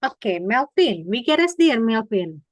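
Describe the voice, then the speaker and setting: A woman's voice: fairly high pitch, sing-song, slow, no room sound. A woman teaching German in an online class over a video call, explaining patiently, mixing in English and quizzing her students.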